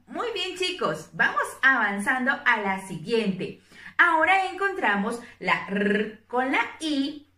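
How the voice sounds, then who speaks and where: A woman teaching young children a phonics lesson, speaking slowly in an encouraging, sing-song way and drawing out each syllable. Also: sits high, pushed and bright, recorded from a distance. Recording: roomy echo, a bit off-mic.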